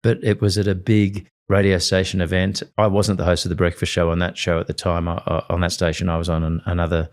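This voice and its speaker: A man with an Australian accent, a radio host and guest, telling animated stories in casual interview chat. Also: deep voice, fast talker, few pauses. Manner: animated storyteller.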